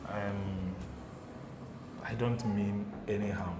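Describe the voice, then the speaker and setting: A Ghanaian man appears as a guest in a casual studio interview, speaking slowly in a lowish voice amid background noise. He's an animated storyteller who keeps checking in with "okay?" and "do you understand?". The room echoes and music plays behind him.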